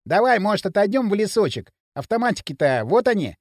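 A man's voice: sits high, sing-song, a little fast, dry recording, studio quality, full character voice. A man voicing a brash, cocky young man who jeers and bosses his friend in loose street talk. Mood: scheming.

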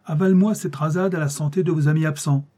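A man reading aloud who voices a cruel, boisterous tyrant king with loud, mocking commands. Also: a little high, fairly even intonation, fast talker, voice pushed up, close to an everyday voice. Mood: jovial mocking.

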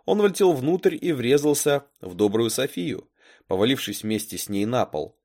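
Man reading a story, very lively intonation. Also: medium pitch, moderate pace. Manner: animated, dramatic storytelling. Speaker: story reader. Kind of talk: expressive storybook narration.

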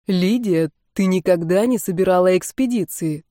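A woman reading the part of a calm male doctor who soothes and reassures his sister. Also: on the low side, normal speed, no echo, studio quality, lightly acted. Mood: soothing. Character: calm caring male doctor, protective older brother.

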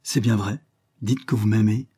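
A man's voice: lowish voice, fairly even intonation, moderate pace, warm tone, husky. A man reading an audiobook, voicing a proud, capricious young noblewoman who talks in a mocking, imperious way.

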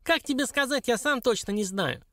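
A man reading an audiobook, voicing a sly, whiny little dwarf with a piercing, squeaky screech. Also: animated, normal speed, bright, forceful tone, dry recording, studio quality, heavily acted. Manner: wailing, pleading and cursing by turns. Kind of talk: audiobook character voice.

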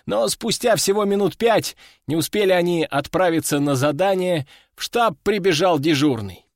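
A male audiobook narrator telling a humorous story in an expressive way, his voice set a little high. The pitch swings lively through each phrase, and the recording is close and dry. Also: moderate pace, no echo.

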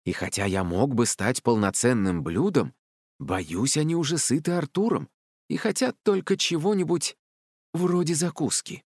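A man voicing a patient, weary adult who speaks in a dry, low, resigned way. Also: animated, normal speed, darkish tone, husky, no echo. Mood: wry.

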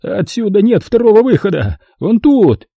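Male reader putting on a frantic casino boss, high and shrill, husky edge, dry close sound. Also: big pitch swings, normal speed, no echo, dull audio, exaggerated voice. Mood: hysterical. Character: hysterical middle-aged male casino boss. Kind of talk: audiobook character voice.

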